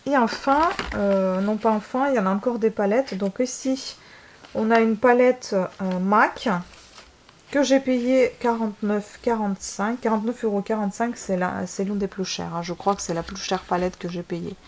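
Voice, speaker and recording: A woman's voice: mid-range voice, moderate pace, a little mellow, slight background noise. Gushing woman unboxing makeup. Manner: gushing, enthusiastic, lots of hesitations. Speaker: beauty vlogger. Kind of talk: casual unboxing vlog.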